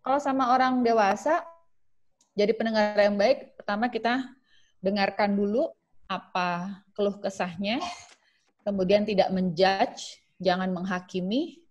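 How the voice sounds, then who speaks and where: A woman's voice: mid-range voice, a little slow, long pauses. A woman speaking as a psychiatrist in an online webinar talk, acting out short dialogues between parent and child as examples. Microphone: video call. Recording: lo-fi video call audio.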